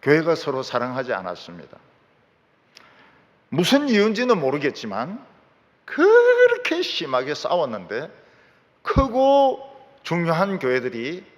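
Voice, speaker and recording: A middle-aged male pastor delivers a sermon from the pulpit. His fairly high voice swings widely up and down, and he drives his points home by repeating them. His words carry a long reverb from a large sanctuary. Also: creaky. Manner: emphatic, repeating key phrases, lively rising and falling delivery.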